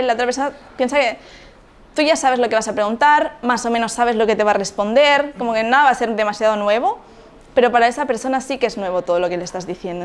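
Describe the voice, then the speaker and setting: A woman's voice: a little high, clear, resonant tone. A woman giving an informal training talk, casual and chatty, with many fillers and tag questions. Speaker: activism trainer.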